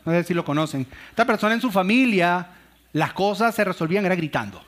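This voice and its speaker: High-voiced man preaching a family sermon. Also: expressive, fast, fairly bright tone. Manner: storytelling with acted-out quotes and laughs. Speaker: pastor.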